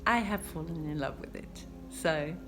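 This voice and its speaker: A Swedish woman in her fifties speaks English as a second language, with a clear Swedish accent. She talks slowly and carefully, pausing often with ums as she answers viewer questions. Music plays clearly behind her voice. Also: sits low. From Sweden. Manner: slow, careful, with many ums and pauses. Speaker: home renovation YouTuber. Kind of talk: casual Q and A vlog.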